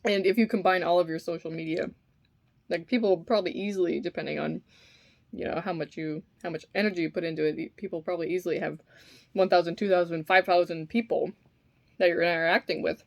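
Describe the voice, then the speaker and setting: A woman chatting casually and musing in a halting, informal way while eating, sometimes with her mouth full. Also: medium pitch. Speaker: vlogger eating on camera. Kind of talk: casual rambling opinion talk while eating.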